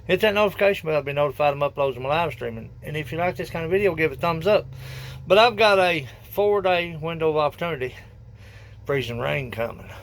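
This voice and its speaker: A man's voice: fairly high pitch, fast talker, a little hiss or hum. A man filming his trapping rounds outdoors, talking in a folksy, plainspoken rural way to his viewers. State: out of breath. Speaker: trapper vlogger. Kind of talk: outdoor vlog narration. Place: outdoors in fields.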